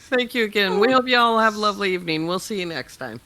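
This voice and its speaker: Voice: medium pitch, lively intonation, fast talker, pushed and bright. A co-player joking through a multiplayer game and thanking viewers at the end. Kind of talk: casual gaming chat.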